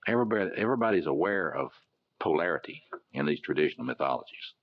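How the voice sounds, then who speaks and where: A man with a very deep voice delivers a discursive academic lecture, stopping often to restart his sentences. The recording is muffled and lo-fi. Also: lively intonation, quick pace. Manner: many filler "uh"s and restarts, discursive.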